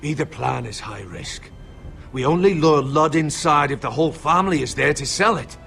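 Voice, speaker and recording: An actor playing a cautious, hard-headed advisor to a noble house in a dramatic video game, serious and measured. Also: male voice, a little high, animated, creaky, a bit bright, soft background music. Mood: grim counsel.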